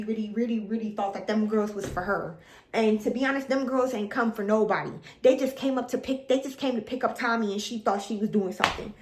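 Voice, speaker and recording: Blunt, profane woman ranting in an echoey room. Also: fairly high pitch. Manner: blunt, profane, exasperated, repeats herself. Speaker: reality TV reaction vlogger. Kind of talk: casual ranting commentary.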